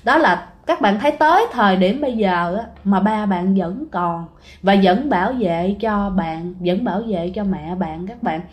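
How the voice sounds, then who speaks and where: A woman's voice: medium pitch, unhurried. A woman telling ghost stories in a chatty way, often speaking straight to her listeners. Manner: chatty, keeps addressing listeners directly. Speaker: ghost story narrator. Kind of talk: casual spoken storytelling.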